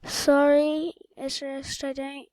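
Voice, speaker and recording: Slow, high-voiced woman narrating her game. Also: monotone, a little mellow, no room sound, poor audio. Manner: halting, repeats words, counts aloud. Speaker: gaming channel host. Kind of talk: casual gameplay commentary.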